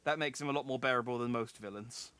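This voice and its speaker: A man's voice: mid-range voice, fast talker, pushed and bright, no echo. A man casually commenting as he plays a game and reads its dialogue aloud. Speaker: streamer.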